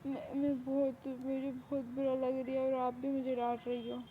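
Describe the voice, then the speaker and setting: A woman's voice: high voice, monotone, moderate pace, natural voice. A woman doing a timid sulky young girl. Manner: pleading, apologetic. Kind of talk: one-woman fan audio drama. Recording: tinny phone-like recording, faint hiss.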